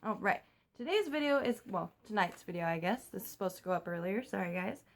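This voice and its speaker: A young American woman chats fast in a casual home vlog, keeping her voice down at night as she records on her phone. Her mid-range voice is animated and chatty.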